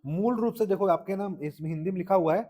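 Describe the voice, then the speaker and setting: A man's voice: sits high, quick pace, warm tone. Man teaching Hindi with a Chhattisgarhi accent. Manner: repeats "ठीक है" and quizzes listeners. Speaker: exam-prep Hindi teacher. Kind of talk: classroom lecture.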